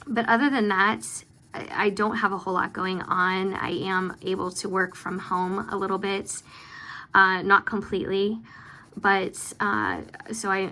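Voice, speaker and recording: A woman vlogger giving casual, rambling, self-deprecating commentary as she works, with vocal fry at the ends of her phrases. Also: medium pitch, bright, forceful tone, low-quality recording. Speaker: planner vlogger hosting budget updates. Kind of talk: casual chatty voice-over commentary while working.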